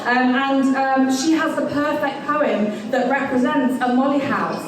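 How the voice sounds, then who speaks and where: A woman performing a live poetry reading at a bar event, with an expressive, dramatic delivery. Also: sits high, unhurried. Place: bar event space, indoors. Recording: echoey room from far off, noisy ambience.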